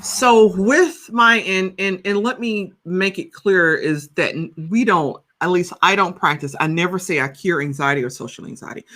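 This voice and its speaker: A woman in her fifties, a counselor and coach, tells stories animatedly in a podcast interview, often checking in with a rhetorical "right?". Her voice sits on the low side, moving at a moderate pace with few pauses.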